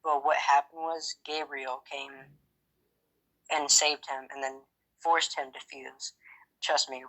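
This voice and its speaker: Guy with a bright tense voice doing game roleplay, lots of um and kinda, halting. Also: fairly high pitch, low-quality recording. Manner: hesitant, halting, full of fillers. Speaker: roleplay player. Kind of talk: voicing a character in a game roleplay.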